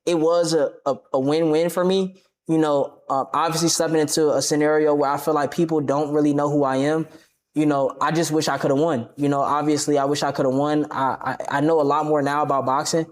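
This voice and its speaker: A young man talking casually as a podcast guest, animated and confrontational, heavy on slang. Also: a little high, a little fast. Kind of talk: casual interview talk.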